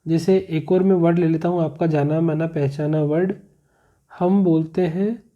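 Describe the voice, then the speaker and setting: A man's voice: on the high side, fairly even intonation, moderate pace. A male teacher explaining grammar rules in a classroom lesson, repeating each rule and asking the class questions as he goes. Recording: muffled, slightly lo-fi.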